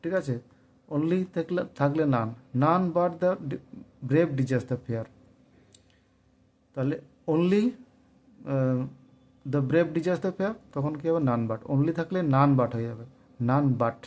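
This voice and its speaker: A man with a Bengali accent teaching English grammar, asking and answering his own questions and slowly dictating example sentences. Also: a little high, darkish tone. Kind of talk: grammar lesson explaining answers.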